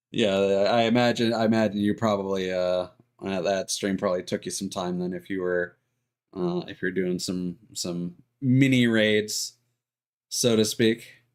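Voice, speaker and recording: A man with a lowish voice speaks slowly while livestreaming a video game, chatting casually with his viewers. He sounds hesitant and rambling, often letting his sentences trail off.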